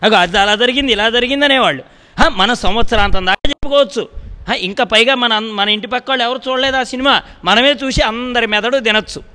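A very high, bright-toned man with a Telugu accent tells a devotional story in a folksy, chatty way. He slips into the voices of village characters and addresses his listeners politely. His voice carries a long hall reverb from a live discourse. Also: fairly quick. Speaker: religious discourse speaker.

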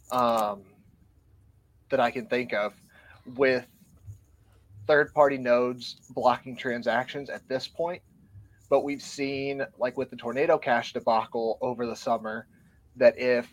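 Earnest and slightly short of breath, a man explains his position as a guest in a casual podcast chat, reading from his show notes. His mid-range voice stays fairly even as he takes his time, with long pauses.

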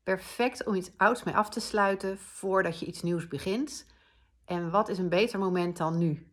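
A woman podcast host guiding a relaxation visualisation in a soft, soothing, unhurried manner. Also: mid-range voice. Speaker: podcast host, breathing therapist and yoga teacher.

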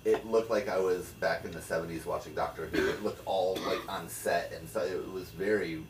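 A low-voiced man rambling through a film anecdote on a podcast, leaning on filler words. He sounds far from the mic, with room echo and faint noise. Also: steady tone, normal speed. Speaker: podcast co-host. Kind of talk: casual chat. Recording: echoey room, distant mic.

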